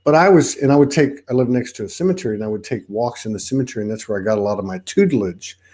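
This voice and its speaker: Hosting a podcast over video call, this man from Texas conducts a relaxed interview on spiritual topics in a Texan accent. His medium-pitched, darkish voice stumbles along in rambling runs, often restarting.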